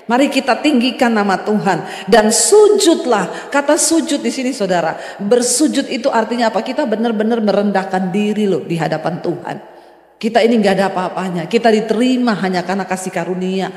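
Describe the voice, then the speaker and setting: A woman's voice: medium pitch, fairly quick, a little mellow. A woman pastor preaching a sermon, emphatic and rising to exclamations, chuckling as she goes. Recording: echoey church hall reverb.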